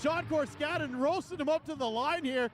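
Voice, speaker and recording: A man doing excited, hyped live play-by-play as one of two dueling motorsport announcers. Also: extremely high pitch, normal speed, a little hiss or hum. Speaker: drift competition announcer. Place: outdoor race track event.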